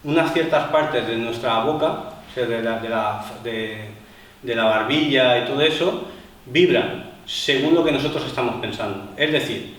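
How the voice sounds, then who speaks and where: A man instructing a martial arts class, explaining to the group with many fillers and pauses. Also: medium pitch, a bit bright. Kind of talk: live seminar demonstration. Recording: echoey hall, voice from far off, faint noise.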